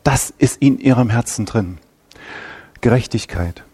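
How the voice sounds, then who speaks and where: A man preaching a sermon in an animated way, repeating phrases for emphasis and sometimes correcting himself. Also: medium pitch, unhurried, slightly rough. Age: adult father.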